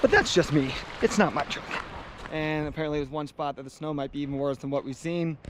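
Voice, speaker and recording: A man casually vlogging a river kayaking trip outdoors, excited and hyped. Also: fairly high pitch, fairly quick. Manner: excited, hyped, shouting whoops. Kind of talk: casual outdoor vlog narration. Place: outdoors by a river and snowy road. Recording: loud outdoor noise of water and wind.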